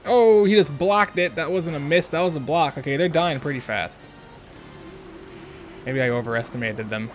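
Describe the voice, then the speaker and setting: A man's voice: a little high, moderate pace, faint music behind. A young man hosting a let's play, thinking aloud in casual, chatty commentary.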